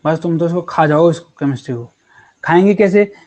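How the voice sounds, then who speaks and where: A man teaches chemistry in a casual online class, chatting with and encouraging his students and calling them "beta" and "yaar." His voice is a little high with a darkish tone, delivered at normal speed in lo-fi sound.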